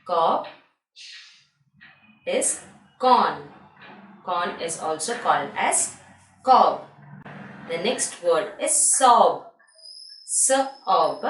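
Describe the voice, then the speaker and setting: A woman's voice: medium pitch, distant mic. A woman teaching kindergarten phonics, spelling out letters and stressing each word. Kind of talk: slow, deliberate phonics lesson. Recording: echoey room, voice off-mic.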